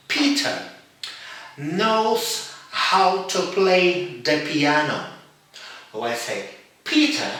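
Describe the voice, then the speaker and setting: Male English teacher, slow and deliberate, bright voice; off-mic in a very echoey room. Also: a little high, recorded from a distance. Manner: slow, deliberate, repeats examples. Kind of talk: grammar lesson.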